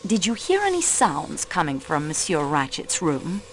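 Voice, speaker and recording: A woman playing a patient, courteous investigator for a detective, asking questions in a formal, calm way. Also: low voice, normal speed, slight background noise, heavily acted. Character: polite, patient assistant to a French detective.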